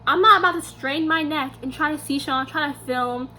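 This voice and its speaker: A young woman vlogger telling a story to camera in a casual, animated way, acting out her own quotes. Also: high-pitched, moderate pace, a little hiss or hum.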